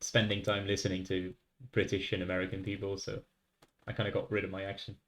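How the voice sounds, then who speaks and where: A young man from France with a light French accent codes on a casual livestream, thinking aloud and talking with viewers. He talks fast in a low-pitched, slightly bright voice with a completely flat delivery.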